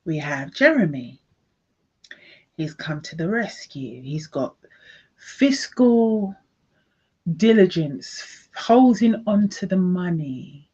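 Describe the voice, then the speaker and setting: A woman's voice: fairly low pitch, animated, takes it slowly, warm tone, breathy edge. A woman giving a casual, chatty tarot reading with political commentary, rambling and often breaking into giggles. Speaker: tarot reader. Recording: dull lo-fi recording.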